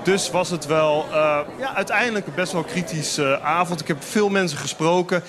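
A man reporting live to the studio, measured and steady, with frequent hesitation fillers. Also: a little high, crowd noise. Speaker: field reporter.

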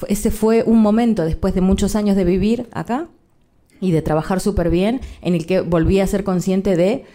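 An Argentine woman journalist, speaking as a guest in a live podcast interview, reflective and measured, pausing often to find her words. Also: lowish voice, mellow.

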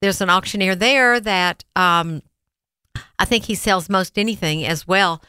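Uma mulher com sotaque do sul dos Estados Unidos, leiloeira e coapresentadora, falando descontraída com muitos "um". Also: female voice, mid-range voice, a little slow, clean tone, no room sound, studio quality. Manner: relaxed, with frequent ums. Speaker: auctioneer and co-host. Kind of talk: casual radio talk.

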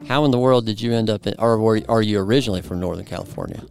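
A man's voice: fairly low pitch, racing, vocal fry, darkish tone, clean tone. A man in his forties hosting a podcast, explaining in an upbeat, playful way and interviewing a guest. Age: 40s. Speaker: podcast host.

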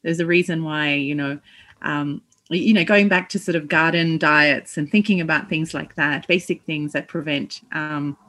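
A woman giving a reflective interview answer, earnest and halting as she searches for words. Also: low-pitched, fairly even intonation, fairly bright tone. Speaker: podcast guest.

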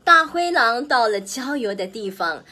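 A woman's voice: fairly high pitch, animated, a little slow, bright, forceful tone. A woman hosting a children's story program, telling a fairy tale playfully and asking listeners questions. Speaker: storyteller host.

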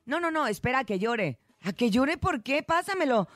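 A woman's voice: high voice, normal speed, dry recording, clean studio sound. A woman hosting a morning radio show, chatty and exclaiming, with faint music behind her. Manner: expressive, exclaiming. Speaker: radio host.

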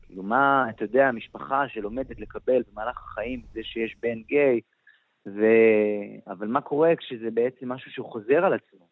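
A middle-aged man giving reflective interview answers as an author, pausing often and searching for words. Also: mid-range voice, no room sound, phone-quality sound. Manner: hesitant, many pauses and fillers.

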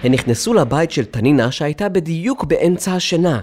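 A man narrates a children's story with expressive, storybook delivery. His voice sits a touch high and moves with lively pitch. Music plays beneath him throughout. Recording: music playing under the voice.

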